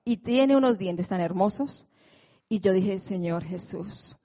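A woman's voice: medium pitch, slow pace. Woman in her forties telling a faith testimony. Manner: lively storytelling, acting out her own prayers. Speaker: prayer group speaker.

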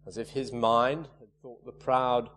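Preacher in a reverberant hall. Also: male voice, mid-range voice, fairly even intonation, measured pace, a bit bright. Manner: earnest, emphatic, stresses key words. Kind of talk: sermon. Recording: reverberant hall, faint hum.

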